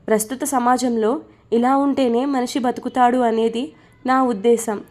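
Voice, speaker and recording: A woman's voice: on the high side, steady tone, moderate pace, darkish tone, close to an everyday voice. A woman reading as a teasing young husband. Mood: earnest. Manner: playful, coaxing storytelling delivery.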